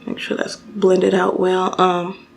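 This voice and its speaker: Young woman vlogger, gravelly fry, rambling storytime over faint music. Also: fairly low pitch, completely flat delivery, takes it slowly. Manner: casual, chatty, many fillers and restarts, addresses viewers directly. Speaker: beauty vlogger. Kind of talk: storytime while doing makeup.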